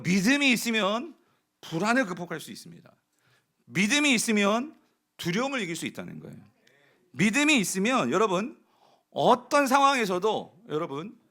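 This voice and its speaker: Male pastor, sermon: bright, lively delivery with high pitch, keeps quizzing the congregation. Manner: animated preaching, asks the congregation questions and answers them; acts out quoted speech of the spies and of Caleb.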